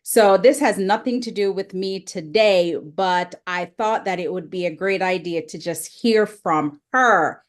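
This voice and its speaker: A woman's voice: fairly low pitch, measured pace, few pauses. A woman moderating a live book launch on a video call. She speaks with enthusiasm and asks the host questions. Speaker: moderator and interviewer. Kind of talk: live launch event interview. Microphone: video conference call.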